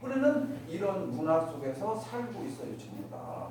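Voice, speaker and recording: A woman's voice: fairly low pitch, wildly swooping pitch, moderate pace, warm tone, far from the mic. Woman preaching in an echoey hall. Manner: keeps asking the listeners rhetorical questions; acts out everyday remarks in other voices. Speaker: Won Buddhist minister. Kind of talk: dharma talk to a congregation. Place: worship hall. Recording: echoey hall, miked from afar, faint noise.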